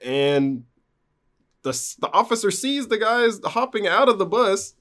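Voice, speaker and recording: A man's voice: sits high, sing-song, unhurried, fairly bright tone. A man recounting a personal story in casual conversation, rambling with many fillers and restarts. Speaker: guest telling a personal story.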